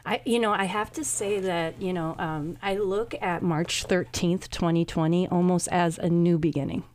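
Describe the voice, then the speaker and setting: A middle-aged woman chatting casually as a show guest, halting often and padding her talk with asides. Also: fairly low pitch, fairly even intonation, darkish tone, no room sound. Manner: halting, with frequent 'you know' asides. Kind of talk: casual conversational chat.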